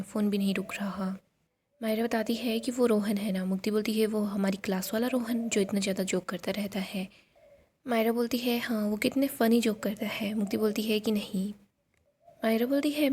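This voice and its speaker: A woman's voice: on the high side, a little mellow, slightly rough. A woman narrating a TV serial episode in storytelling style, reading out each character's lines in her own voice.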